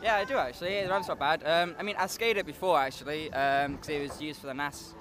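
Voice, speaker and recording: Fast-talking young man from Liverpool. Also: fairly high pitch. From Liverpool, England. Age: young adult, 19. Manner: hesitant, many filler sounds. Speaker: skateboarder being interviewed. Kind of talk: casual interview answers. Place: outdoor skateboard competition.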